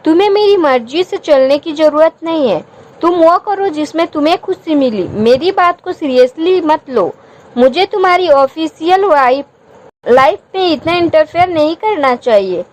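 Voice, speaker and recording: A woman's voice: high-pitched, animated, normal speed, a little mellow. A woman voicing a young husband who teases his wife affectionately in a storybook reading. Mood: teasing. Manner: playful, teasing.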